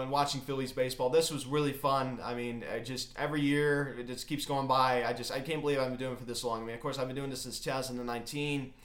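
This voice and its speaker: A man hosting a casual sports recap, talking in a halting, emphatic fan's manner, recorded in an empty closet. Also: fairly high pitch, fairly bright tone. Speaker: sports recap video host. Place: empty unfurnished closet in a home. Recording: echoey small bare room.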